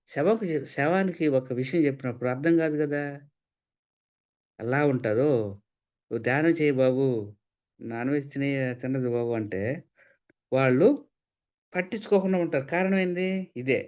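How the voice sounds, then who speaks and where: A man giving a spiritual talk, asking rhetorical questions and repeating points for emphasis. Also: a little high. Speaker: spiritual speaker. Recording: slightly dull lo-fi sound.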